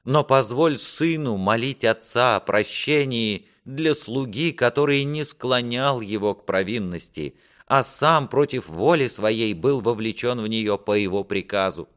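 A man's voice: mid-range voice, expressive, a little slow, hardly any pauses, a bit bright, pitched above the performer's own voice. A man voicing a repentant young prince who earnestly begs his father for mercy. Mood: pleading. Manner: earnest, imploring. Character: repentant young male prince, pleading son.

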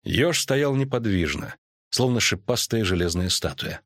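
A man reads a fantasy audiobook in an even, measured way. His voice sits low and the recording is close and dry with no room sound. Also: no room sound. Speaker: audiobook narrator. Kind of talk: scripted fantasy narration.

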